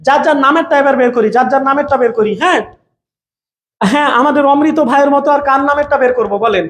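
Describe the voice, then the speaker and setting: A man's voice: extremely high pitch, quick pace, a bit bright, reverberant. A man, teaching an exam-prep class online and repeating each point for his students.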